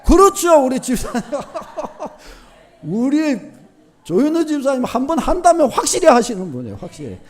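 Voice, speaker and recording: A man preaching a sermon as pastor in a church, animated, shifting from soft asides to loud calls and acting out short dialogues. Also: very high voice, normal speed. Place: church sanctuary.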